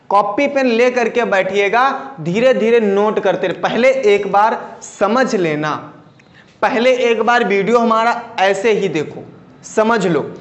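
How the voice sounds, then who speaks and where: A man's voice: high-pitched, fairly bright tone, echoey room. A man teaching a chemistry lesson on video, repeating key terms and quizzing his students as he goes. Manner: repeats key terms and asks the class questions; drawls terms out slowly.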